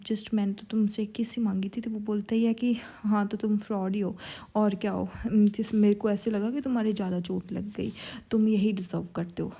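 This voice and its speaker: A woman's voice: medium pitch, creaky, warm tone. A young woman casually retelling a drama scene by scene, quoting each line of dialogue with her own asides. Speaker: drama recap narrator. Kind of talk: casual storytelling recap.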